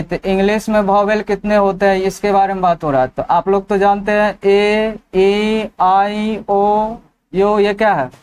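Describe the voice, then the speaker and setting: A man's voice: high-pitched, clear, resonant tone. A man teaching an English lesson in a folksy way, asking the class rhetorical questions and joking on the side.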